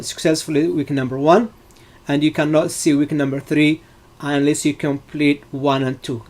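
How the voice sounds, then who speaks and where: A middle-aged man from Morocco, with a fairly high voice, leads a live online data science class. He explains each step patiently and fills his pauses with many ums and uhs. He often restarts his sentences as he goes. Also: a little mellow. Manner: explanatory, frequent fillers and restarts.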